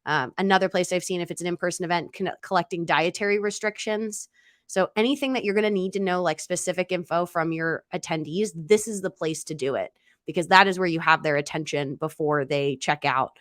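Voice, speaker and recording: A woman's voice: fairly low pitch, fairly quick, no echo. Woman cohost rambling casually, lots of likes and ums, dry mic. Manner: chatty, many fillers and restarts. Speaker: podcast co-host. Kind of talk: casual podcast chat.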